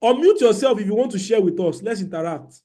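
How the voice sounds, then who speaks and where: A man with a Nigerian accent hosting an online trading class, animated, joking and exclamatory, speaking into a computer mic on a video call. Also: high-pitched, fast. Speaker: trading webinar host.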